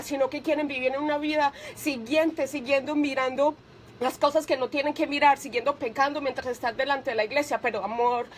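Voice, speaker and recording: High-voiced woman preaching fervently on radio. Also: slight background noise. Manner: reads scripture slowly and with emphasis.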